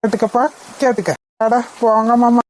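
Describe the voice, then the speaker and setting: A woman's voice: fairly high pitch, level tone, normal speed, a little hiss or hum. Woman voicing cartoon family banter. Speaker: cartoon voice-over artist. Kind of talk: cartoon voice acting.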